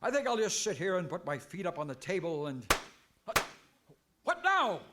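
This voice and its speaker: A man's voice: high-pitched, wildly swooping pitch, moderate pace. An actor playing an exasperated, broke masked cowboy lawman in a theatrical old-time radio comedy. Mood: relieved. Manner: flustered, theatrical comic delivery. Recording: noisy live convention stage recording.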